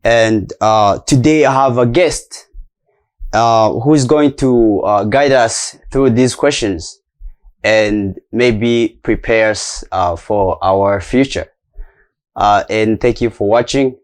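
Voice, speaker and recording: Hesitant low-voiced male host. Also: takes it slowly. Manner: hesitant, many filler sounds. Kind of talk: casual interview hosting.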